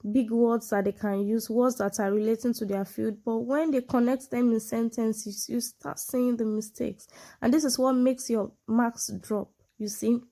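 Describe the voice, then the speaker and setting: An online English exam tutor from Nigeria gives a casual lesson to camera, using examples and frequent check-ins like "yeah" and "you know". She has a Nigerian accent and speaks English as a second language, her first being a Nigerian language. Her voice is sonorous, warm and fairly high-pitched.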